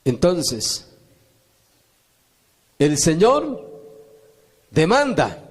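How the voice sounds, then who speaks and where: High-voiced man preaching an emphatic sermon. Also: huge pitch swings, extremely slow, husky. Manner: emphatic, repetitive preaching with rising calls of amen. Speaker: pastor.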